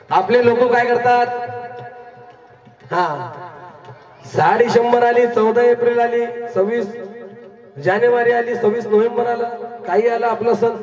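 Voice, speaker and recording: A man's voice: high-pitched, darkish tone. A man singing and calling out to the audience at a live stage program, rousing and commanding the crowd. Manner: rousing, commanding the crowd, half-sung lines. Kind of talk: live stage song and crowd call-outs. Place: large live event with crowd. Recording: distant, echoey, dull live recording with music.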